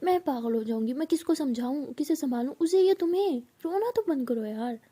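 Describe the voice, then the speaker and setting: A woman's voice: high-pitched, expressive, a little fast, warm tone. A woman voicing a young woman's bossy, caring best friend who scolds bluntly. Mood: exasperated.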